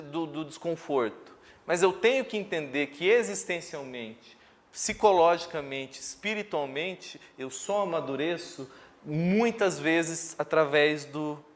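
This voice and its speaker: A Brazilian man preaching in a fairly high, ringing voice. He stays emphatic and lively, sometimes swerving into a playful joke before driving his point home. He sounds like a pastor working a church crowd. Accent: Brazilian Portuguese. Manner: animated, emphatic preaching with joking asides. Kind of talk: sermon. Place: church congregation.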